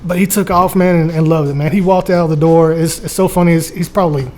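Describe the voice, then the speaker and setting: An American man talks casually as an interview guest, sounding like an earnest, folksy salesman. His voice sits a little high, with faint music behind it. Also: fairly even intonation, quick pace, mellow. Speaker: motorcycle salesman being interviewed. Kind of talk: casual chat.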